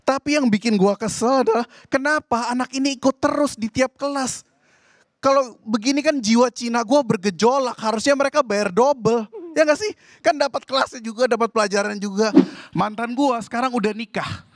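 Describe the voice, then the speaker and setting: A man's voice: very high-pitched, fairly quick, no room sound, studio quality. A man from Indonesia doing a stand-up comedy set, ranting in exasperation.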